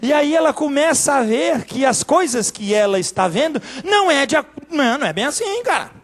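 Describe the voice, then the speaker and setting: A man's voice: very high-pitched, very animated, fairly quick. A man from Brazil, a pastor preaching a sermon in church, telling stories dramatically and acting out the dialogue.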